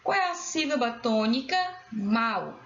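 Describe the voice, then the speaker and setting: Slow, clear Brazilian woman teacher. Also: a little high, animated, a bit bright. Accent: Brazilian Portuguese. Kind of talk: recorded school lesson for children. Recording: dull lo-fi sound in an echoey room.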